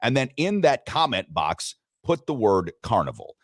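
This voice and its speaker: Lively male sports radio host. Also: mid-range voice, normal speed, no echo, clean studio sound. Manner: animated, lively delivery with repeated restarts. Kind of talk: sports betting talk.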